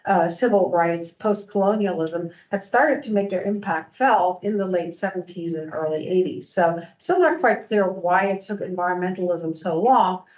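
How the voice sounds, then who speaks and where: Measured woman from Germany, echoey sound. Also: lowish voice, darkish tone, highs cut off. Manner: fluent, explanatory, measured. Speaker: invited speaker. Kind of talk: academic panel answer.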